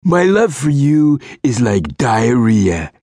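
Smug, slow-drawling barfly voiced by a male narrator; higher than his own voice, dry close studio sound. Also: sing-song, a little mellow, no echo, full character voice. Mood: leering. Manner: slow smarmy drawl, pleased with himself. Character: sleazy young man hitting on a woman with pickup lines. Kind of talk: audiobook character voice.

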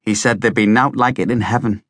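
A man narrating an audiobook in a plain, steady storytelling way. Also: fairly low pitch, a little fast, no echo, clean studio sound.

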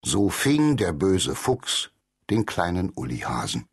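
Guy reading a kids' story, takes it slow, kinda husky, voices all the characters. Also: sits low, huge pitch swings. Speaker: audiobook narrator. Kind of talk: children's storybook narration.

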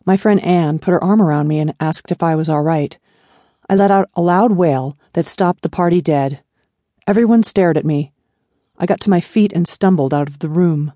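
A woman narrating a first-person memoir audiobook in a measured, even storytelling manner. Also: fairly low pitch, dry recording.

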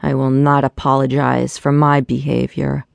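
A woman's voice: level tone, gravelly, dry recording, full character voice. Woman voicing a somber vampire boss. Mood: commanding. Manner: slow, low and commanding. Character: brooding vampire billionaire boss, man, deep and somber.

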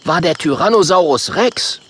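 Man doing a lively little dragon boy, eager, a bit cheeky, kids audiobook. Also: fairly high pitch, moderate pace, slight background noise, voice pushed up, close to an everyday voice. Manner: eager, teasing. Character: curious adventurous little male fire dragon.

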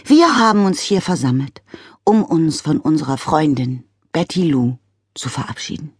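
A woman voicing a dry-witted young girl in an audiobook story, speaking deadpan and consoling. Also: deep voice, moderate pace, breathy edge, dry recording.

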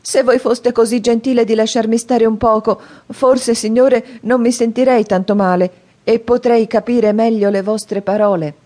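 A woman's voice: on the low side, sing-song, a little slow, mellow. A woman reading an audiobook, voicing a frightened little boy who answers timidly and politely. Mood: pleading.

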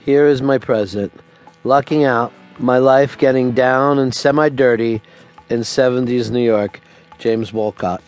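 A man's voice: medium pitch, steady tone, a little slow, darkish tone, faint music behind. A man hosting a talk radio show, trading sarcastic, profane jabs with his co-hosts in the studio. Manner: teasing, sarcastic, swears freely.

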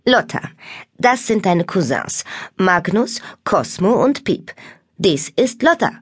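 Storybook housekeeper: motherly, brisk, loud, put on by a woman narrator, husky, dry sound. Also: mid-range voice, sing-song, no room sound, full character voice. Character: loud, cuddly female castle housekeeper, bossy but kind.

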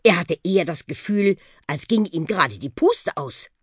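A woman narrating a children's audiobook with expressive storytelling. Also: on the low side, normal speed, slightly rough, dry recording, studio quality.

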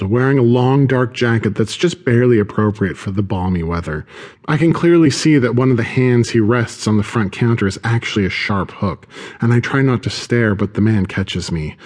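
Lower-voiced male audiobook narrator. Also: a little mellow. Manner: measured, dramatic storytelling. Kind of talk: scripted first-person narration.

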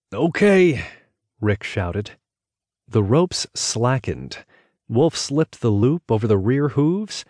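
A man narrating an audiobook in a measured, even storytelling delivery on a close microphone. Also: mid-range voice, dry recording.

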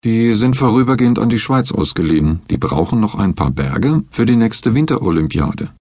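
A male narrator putting on a grumpy, sarcastic man in a storybook audiobook. The voice croaks and cuts, low and husky. The sound is close and dry. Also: very animated, normal speed, darkish tone, no echo.

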